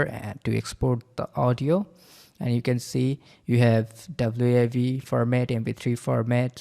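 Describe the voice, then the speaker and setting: A man giving a casual screen-recording tutorial, halting with many fillers and repeated okays. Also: mid-range voice, creaky, dark tone. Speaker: software reviewer.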